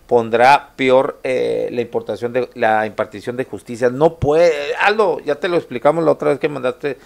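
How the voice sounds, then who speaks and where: A man's voice: mid-range voice, moderate pace, gravelly. Male host, casual and joking, reads viewer comments aloud. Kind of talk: live stream talk show, reading viewer comments.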